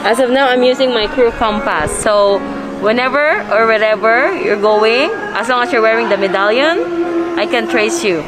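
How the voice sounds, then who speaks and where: A woman's voice: fairly high pitch, moderate pace, rough recording. A woman working as a server, talking politely to guests. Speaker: cruise ship crew server. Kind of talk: polite service talk. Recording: loud music and crowd noise.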